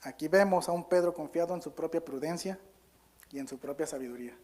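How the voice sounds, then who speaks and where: Earnest pastor with a high voice. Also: male voice, a little mellow. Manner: earnest, halting delivery with self-corrections; reads scripture aloud with stress on key words. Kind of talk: Spanish-language sermon with Bible reading.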